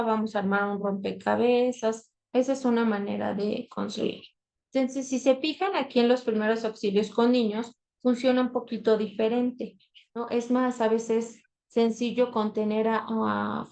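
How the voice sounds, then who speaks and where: A woman teaching a live online class. She explains step by step, often checks in with a quick question tag and pauses on fillers. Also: fairly high pitch, warm tone, rough recording. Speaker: instructor.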